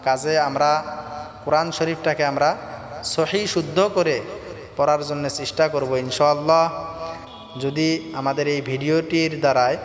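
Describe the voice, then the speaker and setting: A man teaching correct Quran pronunciation, explaining each sound and chanting the verses slowly. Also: fairly high pitch, reverberant, long reverb tail, slight background noise. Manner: slow, drawn-out chanting of verses between plain explanations.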